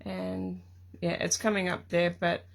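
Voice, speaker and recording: This middle-aged Tasmanian woman, Australian and croaky-voiced, speaks on the low side in a level, unhurried tone. Live-streaming from her craft room, she chats casually and rambles, um-ing often.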